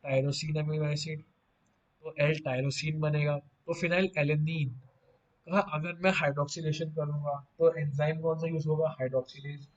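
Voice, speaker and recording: A man's voice: a little high, level tone, normal speed. A man teaching a pharmacy lecture, asking the class questions and answering them himself, with playful asides. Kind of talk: online lecture. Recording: dull lo-fi audio.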